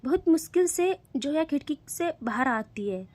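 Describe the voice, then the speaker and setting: A woman narrating a romance in a relaxed, chatty manner, often turning to speak to her listeners. Her voice sits high. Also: normal speed, dry recording. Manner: chatty, addresses listeners directly. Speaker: storyteller. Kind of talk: casual story narration.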